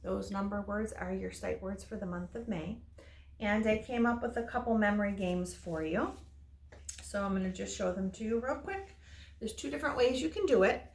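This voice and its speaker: Her voice is gravelly and medium-pitched, moving at normal speed, as she informally teaches small children with simple, casual explanations. The setting is an indoor room for a lesson and story time, recorded with echo and faint noise.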